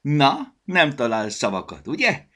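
A man voicing a lively, boastful squirrel in a children's audiobook, chirpy and quick. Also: mid-range voice, pitched above the performer's own voice, exaggerated voice. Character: lively show-off cheeky squirrel.

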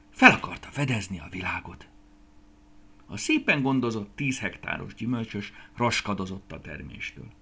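A man narrating a children's story in an expressive, lilting reading voice. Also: fairly low pitch, vocal fry.

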